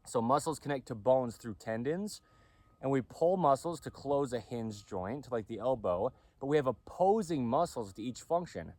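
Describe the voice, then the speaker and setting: A man talks through how the body moves, in a casual, repetitive lecturing style and at a middling pitch. He keeps checking in with "okay?" as he goes. His voice sounds dry and close, with almost no room around it. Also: lively intonation, moderate pace, darkish tone, no room sound. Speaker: clothing company owner explaining anatomy.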